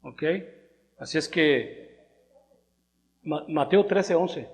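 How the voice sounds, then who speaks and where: A man's voice: a little high, drawn-out words. A man with a southern Mexican Spanish accent, preaching a sermon in a conversational, rambling way, repeating his words. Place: church hall. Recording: long reverb in a church hall, through a loudspeaker.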